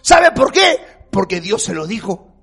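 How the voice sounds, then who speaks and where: A man preaching a fervent sermon, swinging from shouts to near-quiet and asking whether the listener understands. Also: high voice, big pitch swings, unhurried, gravelly, slightly rough, soft background music.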